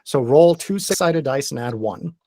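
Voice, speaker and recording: A man acting as game master, explaining the rules step by step in a halting way. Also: mid-range voice, animated, dark tone, no echo. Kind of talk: narrating a tabletop game.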